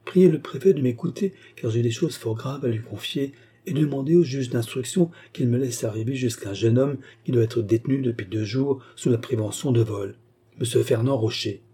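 A man's voice: medium pitch, normal speed, dark tone, husky. A man reading a storybook and voicing a composed, secretive young courtesan woman with a firm manner. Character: cool-headed resolute young courtesan woman.

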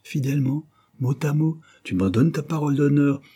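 A man's voice: a little high, normal speed, mellow, breathy edge, pitched above the performer's own voice. A man reading a worried, devoted wife and mother in a raised, strained voice. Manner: pleading, tense, insistent.

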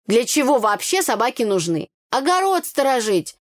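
A woman's voice: a little high, lively intonation, moderate pace, no echo, clean studio sound, lightly acted. A woman voicing a brash, gossipy young village woman who talks bluntly in slang.

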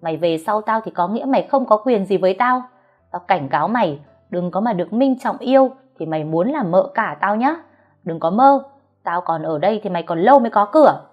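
A woman voicing a shrill, spiteful young woman who scolds and sneers, on a dull lo-fi recording with faint music behind. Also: very animated, measured pace, hardly any pauses. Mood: venomous.

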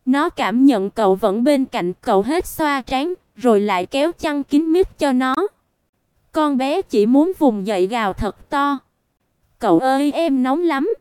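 Woman, audiobook narrator, storybook narration, even, smooth voice, dry close sound. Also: high-pitched, no echo.

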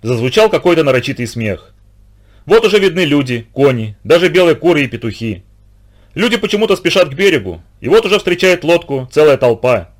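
A man reading a story aloud in a steady, expressive audiobook narration. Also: on the high side, brisk.

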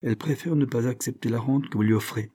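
Brief: a man doing an elderly English solicitor, dry and cutting, measured replies, mellow husky tone. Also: mid-range voice, no echo, natural voice. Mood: cool. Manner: curt, cold and measured. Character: dry, cutting old English family lawyer.

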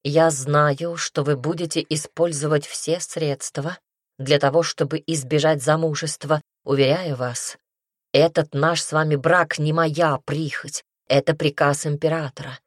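Woman reader doing a haughty young lord, lowered voice, clipped, hissing, dry close sound, audiobook. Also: fairly even intonation, measured pace, dry recording. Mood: cold. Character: cold, proud young nobleman, quick to anger. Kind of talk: audiobook character voice.

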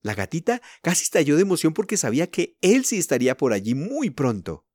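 A man from reading a children's story aloud in an expressive way, speaking to young listeners. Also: fairly high pitch, fairly quick, breathy edge, no echo, clean studio sound.

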